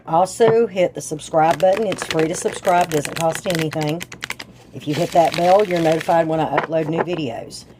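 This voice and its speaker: Against some background noise, a woman with a low-sitting voice reads tarot for her channel's viewers, chatting in a casual, down-home style. She's dealing with a sore throat and sinus drainage, so she sounds congested and her voice is a bit off, breaking up occasionally.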